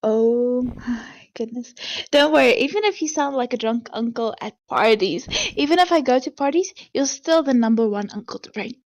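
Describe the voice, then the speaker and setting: A woman's voice: a little high, moderate pace, lo-fi sound. Giggly, teasing female esports co-caster. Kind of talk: live esports commentary.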